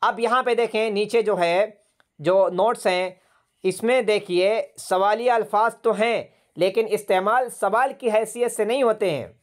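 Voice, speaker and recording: A man's voice: sits high, a little slow. A man teaching an online English grammar class over a video call, patiently repeating words and spelling them out letter by letter.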